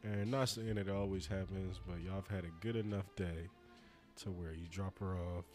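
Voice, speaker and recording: A young man in a casual podcast chat, telling stories in a relaxed way. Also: sits low, moderate pace, faint music behind.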